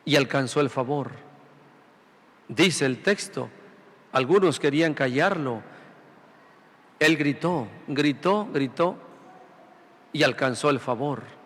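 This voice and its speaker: A man's voice: mid-range voice, slow pace, long pauses, in a large hall. A man who is a priest, preaching a Sunday sermon through rhetorical questions and repeated phrases. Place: large church sanctuary.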